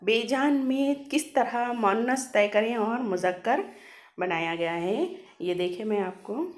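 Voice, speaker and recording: A woman teacher giving a grammar lesson to children, reading word pairs slowly one by one and then explaining in quicker asides. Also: a little high. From India.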